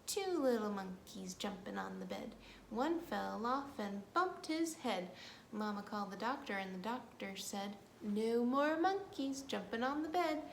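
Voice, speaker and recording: A librarian with a medium-pitched voice and vocal fry leads a children's storytime, playfully reciting rhymes and action songs in a sing-song way straight to the young kids. The room is echoey, with faint background noise.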